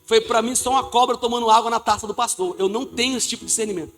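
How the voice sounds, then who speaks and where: A man preaching a lively sermon as pastor of a church, with a Brazilian Portuguese accent, joking and acting out the people in his stories. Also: very high-pitched, rapid-fire, soft background music. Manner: animated, jokey, acts out the people in his stories.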